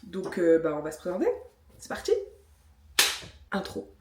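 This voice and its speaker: A French woman in her 30s, a vlogger, chats casually and reviews a product in an echoey room. Her voice sits on the low side, mellow, at normal speed, and her manner is chatty and self-mocking with many fillers.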